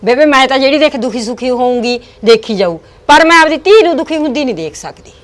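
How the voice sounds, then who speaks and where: A woman's voice: high-pitched, animated, quick pace. A woman with an Indian Punjabi accent plays a caring woman who comforts the old grandmother in a village family drama. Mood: consoling. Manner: consoling, firm. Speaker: daughter-in-law in a family drama. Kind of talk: village web drama acting.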